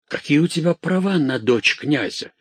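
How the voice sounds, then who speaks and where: A man's voice: a little high, expressive, normal speed, slightly rough, no room sound, voice pushed up. A man reading an audiobook, voicing a proud nobleman who speaks with indignant authority. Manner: indignant, commanding.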